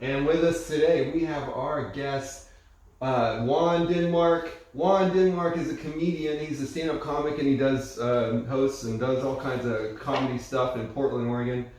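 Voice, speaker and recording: A man's voice: mid-range voice, fairly even intonation, normal speed, darkish tone, very echoey, recorded from a distance, poor audio. A man hosting a casual comedy podcast, laid-back and laughing often, with many restarts. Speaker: podcast host.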